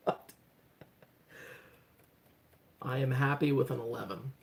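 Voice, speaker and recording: A man livestreaming from home, chatting excitedly to himself as he goes, with lots of "hold on" and "oh my gosh". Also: medium pitch, a little fast, creaky. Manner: excitable, thinks aloud, repeats "hold on" and "oh my gosh". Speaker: livestreaming speedcuber. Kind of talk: casual livestream self-talk.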